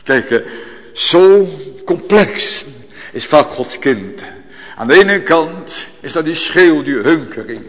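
A man preaching a sermon with fervour, swinging from hushed tones to loud outbursts. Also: fairly high pitch, lively intonation, takes it slowly, in a large hall. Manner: fervent, swinging from hushed to loud, frequent tag "hè".

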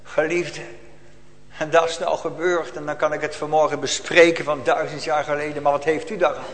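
A pastor preaches a solemn, urgent sermon to his congregation, filling it with rhetorical questions. His voice is fairly high and flat in delivery, moving at a fairly quick pace. The recording carries the long reverb of a church hall.

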